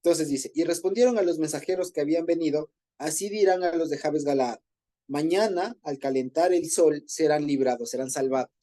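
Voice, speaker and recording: Mellow-voiced man teaching Bible study. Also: fairly high pitch, fairly quick. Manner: conversational, explains Hebrew words, rephrases often. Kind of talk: informal group Bible study.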